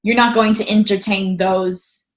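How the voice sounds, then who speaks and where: A woman's voice: medium pitch, steady tone, a little slow. A woman hosting an interview over a video call, reflective and thinking aloud as she talks. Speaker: host. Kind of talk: casual interview conversation.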